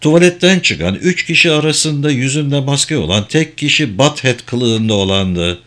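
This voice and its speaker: A man reads a crime thriller aloud in a steady, even narrating voice. His pitch sits in an ordinary middle range. He tells the story plainly, without putting on voices for the characters. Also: normal speed. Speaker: audiobook narrator. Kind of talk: scripted narration.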